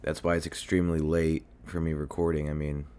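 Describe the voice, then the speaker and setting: Hoarse from a cold, a young man with a very deep, dark voice hosts his solo podcast at a brisk pace with little pitch movement. He sounds chesty, congested, and coughs, rambling casually, swearing often, and filling gaps with ums. He records on a desk mic near a computer at home.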